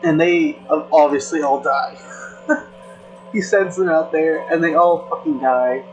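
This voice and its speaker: Slow-talking creator, rambling casual chat, filler-heavy, faint music under the voice. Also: medium pitch, animated, highs cut off. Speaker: content creator.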